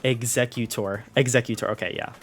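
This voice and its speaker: A man's voice: medium pitch, fairly even intonation, brisk. A man chatting casually on a live stream, playful and laughing often as he toys with how words sound. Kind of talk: casual live-stream chat while opening cards.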